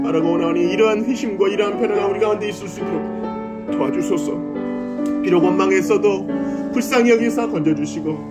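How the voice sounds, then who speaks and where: A man, a pastor, closing his sermon and leading an earnest, pleading prayer in a church. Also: high voice. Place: church sanctuary. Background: soft piano accompaniment.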